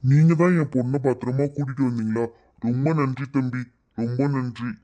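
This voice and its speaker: A man's voice: medium pitch, fairly even intonation, normal speed, warm tone, lightly acted. A man voicing a caring policeman father who speaks. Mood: grateful. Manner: comforting, fatherly.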